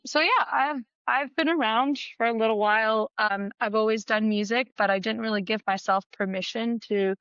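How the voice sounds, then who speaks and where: A woman's voice: a little high, fairly even intonation, moderate pace, hardly any pauses, fairly bright tone, smooth, dry recording, lo-fi sound. A young woman from Argentina, a guest musician telling her story in a chatty, playful way over a video call. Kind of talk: casual interview chat.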